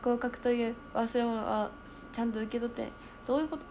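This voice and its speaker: A young woman chatting casually on a livestream, reading viewer comments aloud and thinking out loud as she reacts. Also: a little high, flat delivery, fairly quick, slight background noise.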